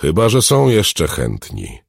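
A low-voiced man playing an alchemist swordsman who speaks with quiet, deceptively mild menace, a little higher than the reader's own voice. The tone is husky and dry, heard close up. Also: slow pace, dry recording, full character voice. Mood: calm menace. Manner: calm, deceptively gentle, then commanding. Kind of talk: audiobook character reading.

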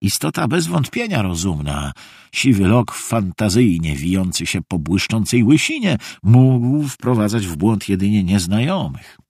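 A man narrating a children's audiobook in an expressive, unhurried storytelling manner. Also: on the low side, slightly rough, no room sound, clean studio sound.

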